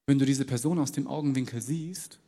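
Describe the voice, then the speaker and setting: A man's voice: medium pitch, fairly quick, warm tone. A man preaching a sermon in a large church, in a casual, conversational way that slips into little acted dialogues. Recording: long reverb of a large church.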